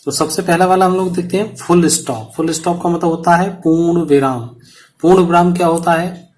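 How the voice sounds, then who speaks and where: A man's voice: on the high side, steady tone, normal speed. A man teaching a punctuation lesson to students, explaining patiently and repeating each example.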